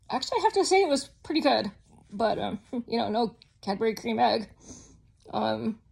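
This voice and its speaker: A woman's voice: fairly high pitch, gravelly. A woman talking candidly in a casual personal vlog, rambling with frequent ums. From Georgia, US. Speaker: vlogger.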